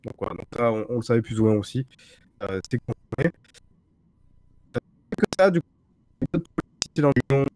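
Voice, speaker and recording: A man's voice: medium pitch, expressive, normal speed, pauses often, a little mellow, low-quality recording. A man co-hosting a casual gaming chat over an online call, his voice breaking up into glitchy robotic audio. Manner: rambling, filler-heavy. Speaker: podcast co-host.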